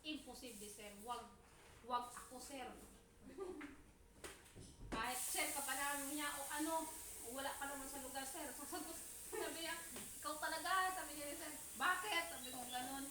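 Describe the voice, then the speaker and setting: A woman chatting casually, telling a story in an animated way and acting out the quoted dialogue. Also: high-pitched, moderate pace, long pauses. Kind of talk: casual gossip chat. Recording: echoey room, distant mic, noisy.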